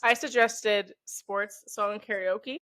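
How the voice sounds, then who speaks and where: A woman's voice: medium pitch, steady tone, slow, bright, forceful tone. A woman in her twenties co-hosting a podcast, easygoing, often answering with "mm-hmm" and "sure.". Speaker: podcast co-host. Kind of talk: casual chat.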